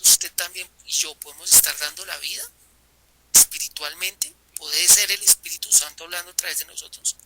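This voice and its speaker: A man's voice: on the high side, fairly even intonation, normal speed, background noise. A man with a Colombian accent leading a Bible study group, often putting rhetorical questions to his listeners and repeating phrases.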